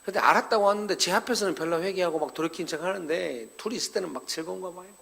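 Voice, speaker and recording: A man's voice: high voice, very fast, creaky, a bit bright. Man preaching in a storytelling way. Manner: conversational storytelling, acting out dialogue; addresses the elderly congregation directly. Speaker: pastor. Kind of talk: sermon at a parents' seminar.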